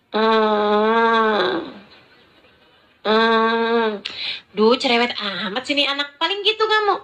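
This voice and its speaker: A woman preacher giving an emotive sermon in a colloquial style. She speaks directly to her listeners and swings between soft, low phrases and high exclamations. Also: low-quality recording. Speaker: Islamic preacher.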